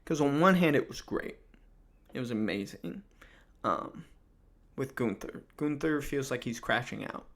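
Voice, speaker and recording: A man's voice: mid-range voice, expressive, a little slow, pauses often, fairly bright tone. A man hosting a casual wrestling recap, talking loosely with lots of fillers and restarts. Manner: rambling, many fillers and restarts.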